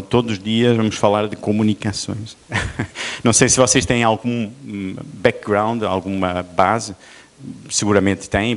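Low-voiced Portuguese man lecturing. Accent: European Portuguese, softened toward Brazilian. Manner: halting, frequent restarts and tag questions. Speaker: visiting professor, lecturer. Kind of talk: university lecture. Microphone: microphone at a lecture.

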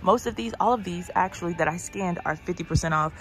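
Walking through a big indoor store, a woman records herself on a handheld phone, talking fast in a lowish, slightly bright voice with faint music behind her. She's a shopping vlogger giving a casual store tour, chatting straight to viewers.

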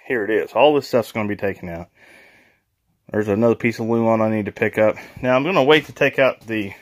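DIY vlogger, man with a lowish voice, chatty and informal, filmed on a handheld phone indoors. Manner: chatty, informal, laughs at own jokes. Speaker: channel host, DIY renovator. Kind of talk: casual DIY vlog narration. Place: mobile home and workbench indoors.

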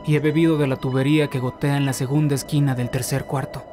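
A man voicing a desperate captive who is losing his mind in an animated horror parody. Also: medium pitch, fast, natural voice. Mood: desperate, weary. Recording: loud music behind.

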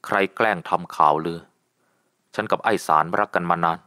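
A man voicing a gruff young husband who growls and curses, in a storybook reading. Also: sits low, steady tone, normal speed, bright, forceful tone. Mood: troubled. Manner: cursing, growling.

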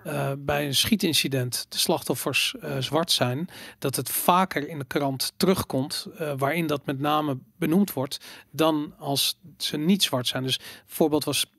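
A man's voice: on the high side, unhurried, vocal fry, few pauses, fairly bright tone, no echo. A man co-hosting a casual podcast discussion, talking hesitantly with many fillers and restarts. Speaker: podcast co-host.

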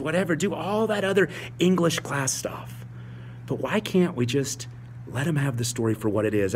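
A man's voice: medium pitch, a little hiss or hum. A man in his forties, an English teacher, speaking passionately and emphatically to fellow teachers, repeating key phrases. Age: 40s.

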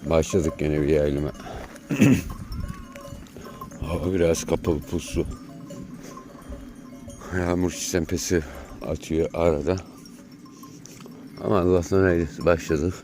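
A man, a shepherd, giving calm running commentary to his viewers while herding his flock on an outdoor pasture, recorded on a handheld phone. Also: low-pitched, slow pace, pauses often, music in the background. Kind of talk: casual vlog narration while herding. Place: outdoor hillside pasture under overcast sky. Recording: outdoor noise with bleating sheep.

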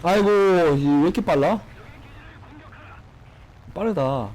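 A young man giving excitable, swearing commentary on his gameplay from a small room at home, tipsy from drinking. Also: fairly high pitch, slow pace, slight background noise, poor audio. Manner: excitable, swearing, shouting at enemies. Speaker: gaming streamer.

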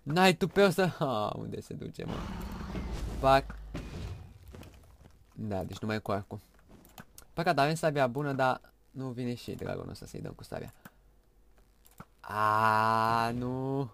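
A man giving excited live gameplay commentary, shouting at the game and muttering to himself between bursts. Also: fairly low pitch, creaky, long pauses, a little hiss or hum. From Romania. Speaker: gaming video host.

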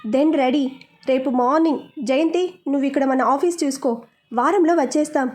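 A woman voicing a young man who gently coaxes and reassures his tearful sweetheart. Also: sits high, moderate pace, natural voice. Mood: decisive. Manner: gentle coaxing. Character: tender young man, playful lover.

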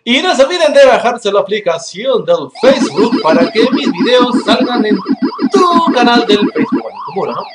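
A man with a Peruvian accent hosting a gaming video, telling a story between constant swearing and excited outbursts at the game. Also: very high voice, moderate pace. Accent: Peruvian Spanish. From Peru. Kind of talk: casual gameplay commentary. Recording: echoey room under loud music.

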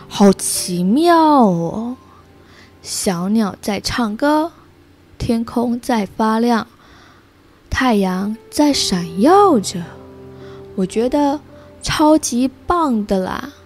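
A woman's voice: a little high, expressive, a little mellow, soft background music. A woman voicing a sighing, frustrated turtle from a storybook, read to a toddler. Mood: amazed. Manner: slow, sighing, for a toddler listener.

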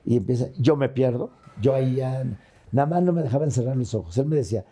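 Older man, Mexican accent, interview guest, mellow husky voice, heartfelt. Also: mid-range voice, fast talker. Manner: emotional, earnest retelling. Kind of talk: casual interview storytelling.

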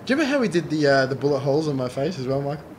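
A man's voice: on the high side, sing-song, rapid-fire, background noise. A middle-aged man chatting casually through an audio commentary and laughing often. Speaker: commentary host.

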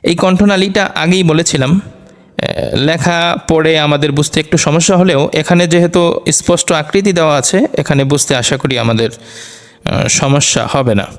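A man teaching Quran letter pronunciation, explaining slowly and repeating each Arabic letter over and over for practice. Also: on the high side. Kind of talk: slow explanatory lesson with drilled letter sounds. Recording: long reverberant room echo.

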